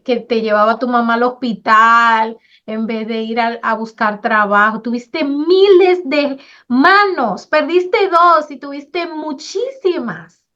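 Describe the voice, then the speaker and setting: A woman hosts a faith-centered interview conversation. Her voice sits high, and she responds with affirming, encouraging remarks and scripture. The recording sounds a little dull. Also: fairly bright tone. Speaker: podcast host.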